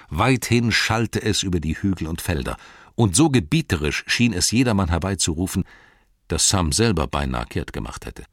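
A man narrating an audiobook in a measured storytelling manner, close to the microphone. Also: deep voice, no echo. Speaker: audiobook reader. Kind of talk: scripted narration.

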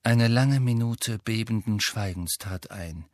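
A man reading a novel aloud with steady, even storytelling. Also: lowish voice, measured pace, dry recording, studio quality. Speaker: audiobook narrator. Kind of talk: scripted narration.

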